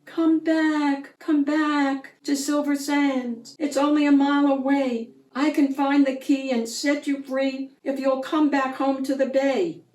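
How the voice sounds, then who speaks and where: An earnest little storybook seagull, voiced by a woman, calling out urgently in a raised pitch. The voice pleads and urges, sounding roomy and a bit distant. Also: level tone, unhurried, hardly any pauses, darkish tone. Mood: urgent, encouraging. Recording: roomy echo, distant microphone.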